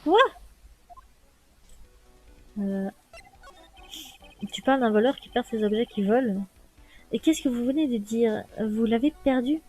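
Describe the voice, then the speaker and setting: A woman's voice: on the high side, unhurried, long pauses, mellow, soft background music. A woman reading an impatient young lawyer. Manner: blunt, impatient questioning.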